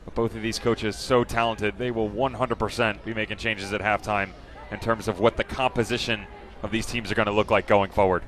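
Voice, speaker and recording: Lowish-voiced man giving conversational soccer analysis. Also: level tone, brisk, a bit bright. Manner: conversational, with rhetorical questions. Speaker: color analyst. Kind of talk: live soccer analysis commentary.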